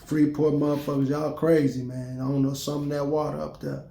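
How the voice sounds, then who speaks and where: A man's voice: a little high, brisk, vocal fry, a little hiss or hum. Profane man ranting in an echoey room. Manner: profane, animated, talks straight to viewers. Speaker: vlogger. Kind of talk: casual storytelling rant to viewers.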